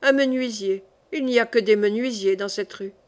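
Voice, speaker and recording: A big, sullen workman, read by a woman, talks in a raspy, blunt, dismissive way. He waves off questions in short, gruff replies. It comes from an audiobook reading. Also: fairly high pitch, normal speed, lightly acted.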